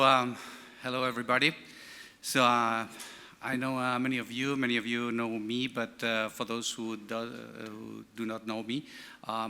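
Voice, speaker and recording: A man's voice: medium pitch, gravelly, pushed and bright, clean tone. A man introducing a speaker at a conference, hesitant with many fillers. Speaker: sponsor representative introducing a speaker. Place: large conference hall. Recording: reverberant conference hall.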